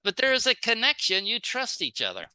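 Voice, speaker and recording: Pitch swoops wildly around a medium center at normal speed, and the tone is pushed, bright and smooth. This sales training seminar speaker uses short plain phrases, acts out small example dialogues, and pauses for an interpreter.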